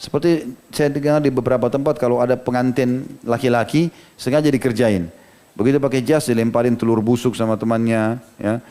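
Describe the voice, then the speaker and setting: Warm in tone and mid-range in pitch, this Indonesian Islamic preacher gives a storytelling sermon. He clarifies each quote in plain words and keeps things conversational with frequent "ya" and "gitu" asides.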